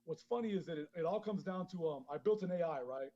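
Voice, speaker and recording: A man who grew up in Queens, high and chatting casually as a podcast guest, rambling, swearing a lot and laughing often. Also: expressive, fast, dark tone. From born in Honduras, grew up in Queens, New York. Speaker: guest caller, clothing brand founder. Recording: dull lo-fi phone call.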